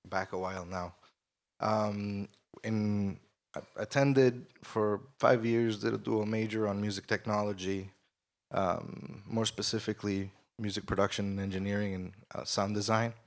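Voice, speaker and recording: A man from Ecuador, a studio manager and engineer, speaking on a conference panel with frequent fillers and restarts. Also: lowish voice. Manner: relaxed, with many fillers and restarts. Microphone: shared handheld mic.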